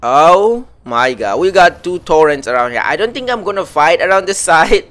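A man commenting on his own gameplay as it happens, excitable and chattering to himself. His voice sits a little high with a bright, forceful edge. He loops the same words again and again as the action heats up. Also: moderate pace. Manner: excitable, repeats phrases, talks to himself.

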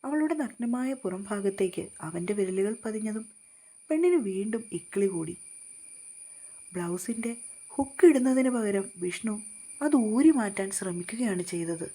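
A woman reading a romance novel aloud in steady, measured storytelling. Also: medium pitch.

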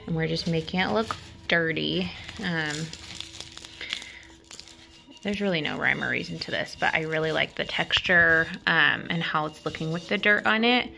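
Chatty woman with a gravelly edge. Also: fairly low pitch, bright, forceful tone. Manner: chatty, lots of "um" and "like", light laughs. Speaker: DIY crafter. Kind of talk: casual DIY vlog narration. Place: outdoors at a patio table. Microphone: phone held in one hand.

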